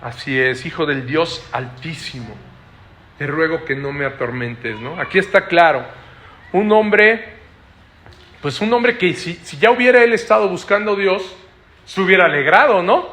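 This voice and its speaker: A man's voice: a little high, animated, a little slow, pushed and bright. A man preaching a Bible study, explaining a passage and checking in with his listeners with constant rhetorical questions.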